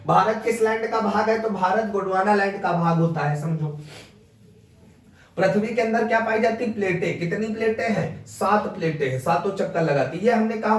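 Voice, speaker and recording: A male teacher, teaching an exam-prep class by asking questions and answering them himself, over and over. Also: high-pitched. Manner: repetitive question-and-answer drilling. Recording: echoey room.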